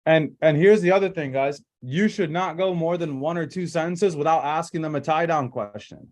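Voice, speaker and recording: Guy with a kinda high voice running a sales training on a group call, rambly, lots of likes and ums, pushes hard on his points. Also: moderate pace, darkish tone. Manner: rambling, emphatic, lots of fillers and restarts.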